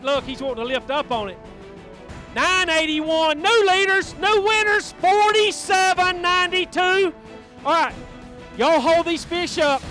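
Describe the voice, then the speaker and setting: A middle-aged man emceeing a live outdoor weigh-in on a handheld mic, loud and rallying. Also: very high voice. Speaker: tournament director. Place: outdoor stage under a pavilion.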